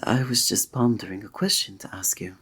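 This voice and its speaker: A man plays a breathy fantasy innkeeper, kindly and flirty, in a one-sided scripted roleplay, his voice on the low side and his pace a little fast. Tender and hopeful, he speaks with formal, antiquated diction, gentle, attentive and courteous.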